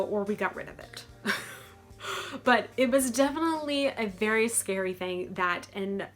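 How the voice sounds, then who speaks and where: A woman's voice: mid-range voice, a bit bright. Woman telling casual spooky stories over music. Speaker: storytelling vlogger. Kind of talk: casual spooky personal storytelling.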